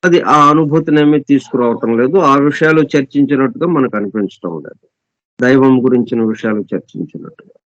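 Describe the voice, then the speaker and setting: A man teaches a scripture lesson in a slow, deliberate way, repeating himself and stacking up near-synonyms to drive each point home. His pitch sits at an ordinary middle level. The recording is dry and dull, with a lo-fi edge. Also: dry recording. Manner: reads English passages slowly. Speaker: spiritual teacher.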